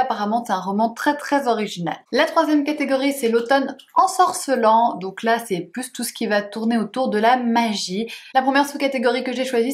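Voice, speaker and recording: Woman vlogger, chatty home reading-list talk, somewhat high voice, easygoing hesitations. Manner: chatty, self-deprecating, hesitant fillers. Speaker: book vlogger. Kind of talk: casual reading-list vlog. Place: home room.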